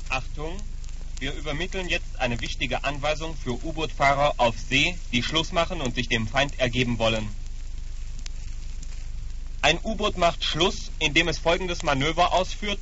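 Forceful male announcer on old AM shortwave radio. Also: a little high. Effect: AM shortwave radio sound. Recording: dull, noisy old shortwave radio recording.

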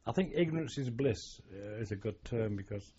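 Here an older man from England who used to be a sailor thoughtfully recalls his early life and time in the navy during an oral history interview. His voice is on the low side, warm and expressive, at a moderate pace, and his storytelling is reflective and wry. The recording is dull lo-fi archive tape.

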